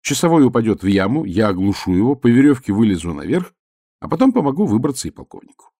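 A man reading a first-person adventure audiobook in a lively storytelling manner. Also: mid-range voice, fast, no echo, clean studio sound. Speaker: audiobook narrator.

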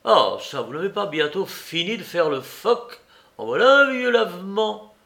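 A man's voice: sits high, very animated, moderate pace, vocal fry, pushed and bright, voice pushed up, heavily acted. A man voicing a brusque, irritable office clerk who scolds and snaps at a colleague. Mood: scolding. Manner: curt, scolding, snapping.

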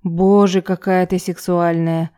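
A pushy, domineering young man mutters in a husky, breathy voice close to the ear, as a woman reader puts him on. The tone stays soft and mellow rather than harsh, his words coming low and unhurried. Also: little pitch movement, lightly acted. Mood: husky insistent. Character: forceful domineering young man, hoarse with desire.

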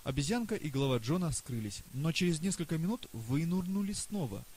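A man giving measured scripted narration as an audiobook reader. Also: fairly high pitch, very animated, a little mellow, rough recording. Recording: faint hiss.

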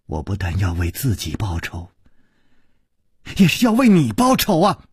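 A man voicing a coy young woman who taunts her jealous lover in soft, breathy murmurs. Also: on the low side, huge pitch swings, a little slow, no room sound, clean studio sound, voice pushed down, exaggerated voice. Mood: taunting.

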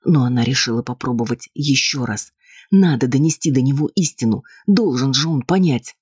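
A man narrating an audiobook in a measured, even storytelling manner. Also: medium pitch, husky, dry recording, clean studio sound. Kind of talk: scripted narration.

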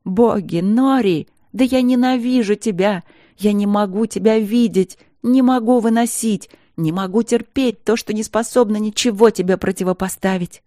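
A woman's voice: lowish voice, normal speed, warm tone, no echo, clean studio sound, close to an everyday voice. A woman reading an audiobook, voicing a furious, desperate young princess who raises her voice and speaks bitterly.

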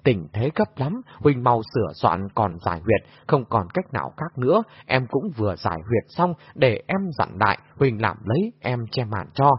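A man doing a sharp-tongued young heroine. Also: mid-range voice, very animated, normal speed, few pauses, slightly rough, muffled recording. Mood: brisk teasing.

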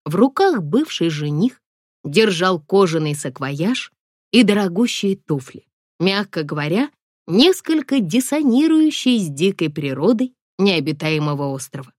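A woman narrating a first-person audiobook in a wry, expressive storytelling manner. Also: lowish voice, unhurried, no echo, studio quality.

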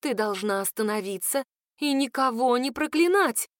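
A woman voicing a bold, caring young female friend in an audiobook, soft and coaxing. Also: fairly high pitch, expressive, moderate pace, no room sound, clean studio sound, lightly acted. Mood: soothing.

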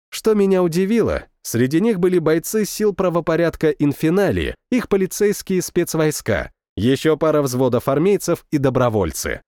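A man's voice: on the high side, darkish tone, dry recording. A man reading a first-person war story in a matter-of-fact way, close to the mic. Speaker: audiobook narrator. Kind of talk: first-person audiobook narration.

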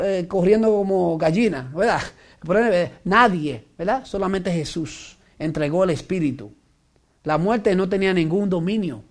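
A man with a high voice preaches a sermon. He reads scripture aloud and keeps asking his listeners questions to draw them in. He breaks into emphatic, rising bursts and often starts a thought with the English word "so.". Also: a little mellow. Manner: preaching with frequent rhetorical questions, code-switching "so".

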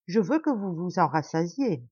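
A woman's voice: lowish voice, big pitch swings, moderate pace, mellow, slightly rough, no room sound, dull audio. A woman voicing a pompous, lavish male lord who grandly and insistently presses food on his guest, in an audiobook tale. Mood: grand, coaxing.

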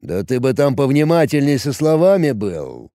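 Man voicing a gruff veteran goblin soldier. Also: big pitch swings, dark tone, no room sound, clean studio sound. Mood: warning. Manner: deep-voiced, slow, grumbling.

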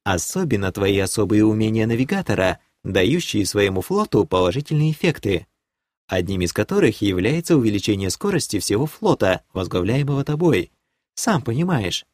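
A man voicing a haughty, scheming noblewoman who leads a clan in an audiobook; he raises his voice to play her, and she talks in a sweetly condescending way that turns sharp. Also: on the low side, sing-song, normal speed, no room sound, studio quality. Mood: lecturing. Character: haughty scheming female baroness, clan leader.

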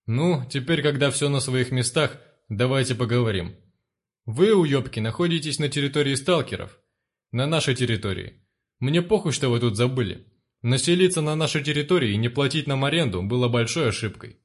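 A man reading aloud, voicing a big, brutal one-eyed male gang leader who swears coarsely and shouts his threats. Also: medium pitch, animated, a little fast, close to an everyday voice. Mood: mocking menace.

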